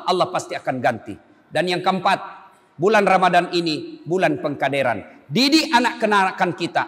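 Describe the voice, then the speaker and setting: Animated preacher with a hall echo. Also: male voice, sits high. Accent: Makassar. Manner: animated storytelling, acting out dialogue. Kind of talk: sermon. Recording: long hall reverb.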